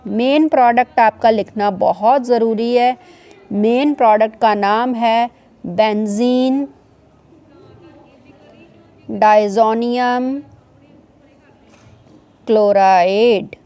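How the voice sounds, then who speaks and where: Woman teacher, mellow tone, slightly high voice, classroom dictation. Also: steady tone. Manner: dictates slowly in English, then explains quickly in Hindi. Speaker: chemistry teacher. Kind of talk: classroom lecture dictating notes.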